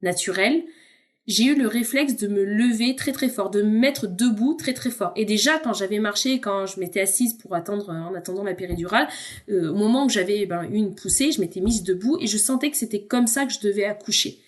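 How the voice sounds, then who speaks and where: A woman's voice: mid-range voice, a little fast. A woman who is a podcast guest, telling a personal story in a candid, conversational way and addressing the host informally. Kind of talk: personal storytelling in a casual chat.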